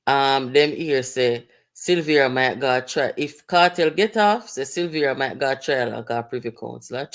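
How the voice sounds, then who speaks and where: A Jamaican co-host talking in patois on a casual talk show. The voice sits at a middle pitch, animated and exclamatory, with frequent laughter running through the talk. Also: a little slow.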